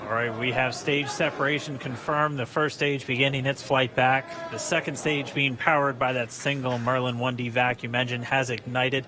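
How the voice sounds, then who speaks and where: A man's voice: medium pitch, flat delivery, moderate pace, few pauses, noisy background. A man hosting a live webcast, giving launch commentary.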